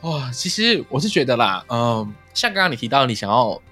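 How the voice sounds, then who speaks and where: A man's voice: medium pitch, big pitch swings, brisk, over music. A man with a Taiwanese accent, hosting a casual conversational interview and dropping in the odd English word. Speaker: podcast host.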